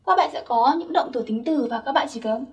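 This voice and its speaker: A woman's voice: high voice, brisk, recorded from a distance. A young woman teaching Korean grammar step by step, patiently checking that her listeners follow. Her first language is Vietnamese.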